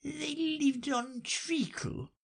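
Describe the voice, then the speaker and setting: A man voicing a sleepy little dormouse with a hoarse, feeble voice. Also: extremely high pitch, lively intonation, slow, pitched above the performer's own voice, full character voice. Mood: drowsy.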